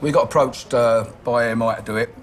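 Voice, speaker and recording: A man's voice: medium pitch, steady tone, fast. A middle-aged man with a Cockney accent, recalling his band's early days in a documentary interview, slangy and profane. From East London. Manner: rambling, profane storytelling with slang. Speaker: band member interviewee. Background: music underneath.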